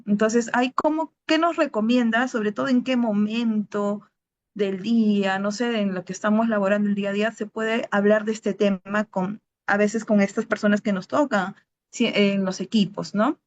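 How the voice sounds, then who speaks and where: A woman's voice: medium pitch, steady tone, moderate pace. A woman interviewer who asks long, winding questions and tags her sentences with '¿no?'. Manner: rambling, winding questions tagged with '¿no?'. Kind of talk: asking a long question in a conversation. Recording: slightly dull, lo-fi audio.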